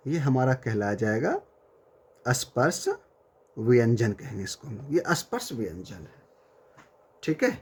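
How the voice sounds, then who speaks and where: Husky, lively male grammar teacher. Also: on the high side. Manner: repeats key terms slowly, addresses students as friends and dear children. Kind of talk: classroom grammar lecture.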